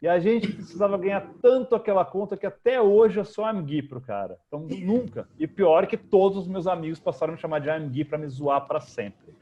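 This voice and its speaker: A man with a Brazilian Portuguese accent, a guest telling lively, slangy anecdotes in a casual interview. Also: sits high, fairly quick, hardly any pauses, highs cut off. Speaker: guest, futurist.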